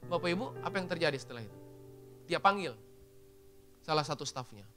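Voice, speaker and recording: A man's voice: a little high, brisk, soft background music. A male preacher telling a story in a sermon, acting out the dialogue and often turning to address the congregation. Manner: animated, acts out dialogue, keeps addressing the congregation. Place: church function hall.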